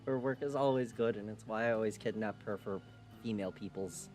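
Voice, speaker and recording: A man hosting a live stream, chatting casually and excitably as he plays a game, now and then swearing. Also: lowish voice, brisk, music in the background. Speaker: streamer and host.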